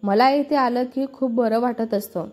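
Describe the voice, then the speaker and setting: A woman's voice: on the high side, unhurried, darkish tone, faint music behind. A woman reading a cocky young college guy. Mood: coaxing. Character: young male college student, brash, teasing.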